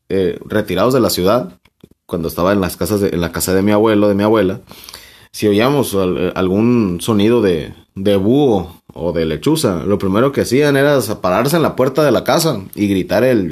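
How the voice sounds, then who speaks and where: A man's voice: fairly low pitch, animated, brisk, a little mellow. Mexican man telling a rambling, laughing anecdote. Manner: rambling, laughs often, swears freely, many fillers. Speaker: storyteller. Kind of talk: casual spoken anecdote.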